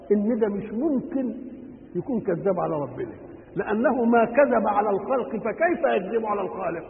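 A man's voice: high voice, creaky, slight background noise. A man with an Egyptian accent giving a Quran commentary lesson, who keeps asking questions and answering them himself. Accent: Egyptian Arabic. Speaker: religious teacher. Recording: tinny lo-fi recording with long hall reverb.

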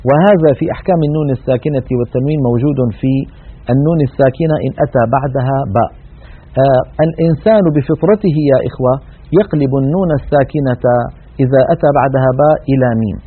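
A man teaches Quran recitation in a broadcast lesson, measured and explanatory as he demonstrates sounds. His voice is husky and sits a little high, and he talks quickly. The audio is tinny and narrow, like a phone line.

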